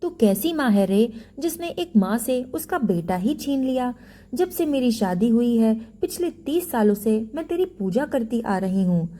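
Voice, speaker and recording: A woman's voice: on the high side, big pitch swings, moderate pace, dark tone. Devout old mother, as a woman voices her. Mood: desperate pleading. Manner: pleading, imploring.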